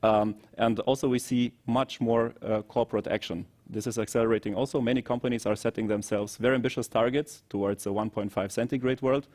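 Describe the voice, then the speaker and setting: A man with a German accent giving an expert overview as a consultant guest, measured and analytical with frequent fillers. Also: mid-range voice, fairly even intonation, a little mellow. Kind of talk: expert briefing in conversation.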